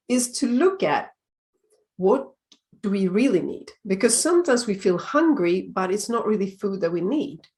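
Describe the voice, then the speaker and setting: A woman from Sweden with a noticeable Swedish accent gives everyday lifestyle advice to the camera. Her delivery is calm and measured, and she slows down to stress the important points. She sounds middle-aged and is recorded close to the mic. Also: mid-range voice. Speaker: time-management coach. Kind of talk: video tip talk.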